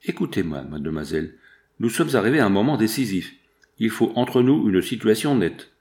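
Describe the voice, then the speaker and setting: A man reading the part of a grave young man, speaking low, broken and solemn. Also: sing-song, normal speed, a little mellow. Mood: sorrowful. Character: young man, grave, sorrowful, honor-bound.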